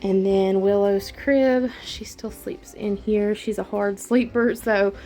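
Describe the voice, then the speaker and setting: A woman's voice: mid-range voice, steady tone, takes it slowly, warm tone, faint music behind. A young woman, chatting casually while walking through her home with a handheld camera and laughing often. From Louisiana. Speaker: vlogger.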